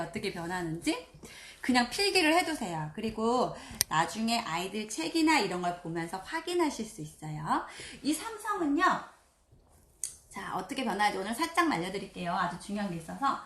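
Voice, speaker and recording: A woman teaching Chinese pronunciation in a live online lesson, stretching out syllables slowly to demonstrate the tones. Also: mid-range voice, sing-song, fairly bright tone, echoey room.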